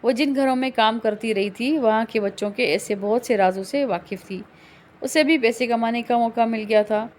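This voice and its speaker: A woman narrates a novel as an audiobook. Her voice is somewhat high, and she reads in a steady, even storytelling way.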